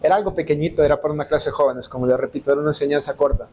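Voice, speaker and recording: A man from El Salvador delivers a sermon, his voice sitting a little high for a man. He tells stories from his own life and acts out the dialogue in them. There's a faint hiss of background noise in the church. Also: steady tone, very fast, darkish tone. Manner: storytelling, acts out quoted dialogue. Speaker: preacher. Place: church hall.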